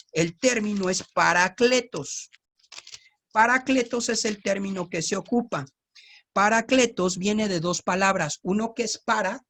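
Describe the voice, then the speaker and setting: A man's voice: sits high, a bit bright. Mexico City man teaching the Bible casually. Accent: Mexico City Spanish. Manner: informal, joking asides, frequent tag questions.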